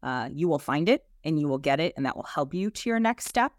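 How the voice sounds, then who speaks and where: A woman's voice: deep voice, expressive, a little fast, no echo. A woman with a Boston accent speaks as an interview guest in a dry, close recording. She talks conversationally and makes her points with emphasis, often checking in with a short questioning tag at the end. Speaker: interview guest, human resources executive.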